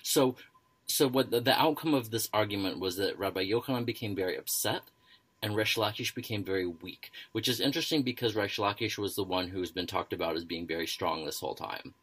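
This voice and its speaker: A man hosting a casual study discussion, thinking aloud in halting phrases full of fillers and restarts. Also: lowish voice, a bit bright, no echo. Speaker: podcast host.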